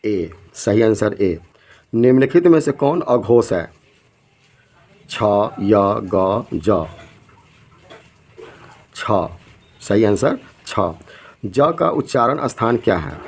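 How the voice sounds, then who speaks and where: Slow-speaking male quiz teacher. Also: fairly low pitch, big pitch swings, poor audio. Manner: reads each question and options, then gives the answer. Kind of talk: exam quiz lesson.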